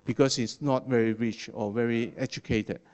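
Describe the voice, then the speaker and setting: A non-native English-speaking man delivers a sermon in a halting manner, full of restarts and fillers, and tends to close his points with "okay?". His voice is medium in pitch and slightly mellow, with fairly even intonation.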